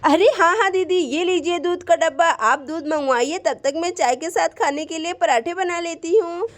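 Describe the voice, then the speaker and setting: Eager chatty young sister-in-law, very high voice, kids story, a woman voicing. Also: normal speed. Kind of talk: storybook voice acting.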